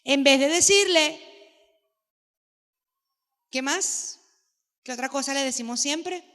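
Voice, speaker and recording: A woman's voice: high-pitched, slow pace, pushed and bright. A woman pastor giving a sermon to parents, emphatic and often asking the congregation questions. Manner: emphatic, asks the audience questions. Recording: long hall reverb.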